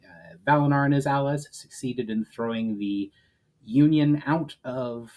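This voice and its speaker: An author leads a story session, presenting his own fantasy work and reading it out. His voice is mid-range with a darkish tone and an unhurried pace, starting casually and then turning to dramatic storytelling.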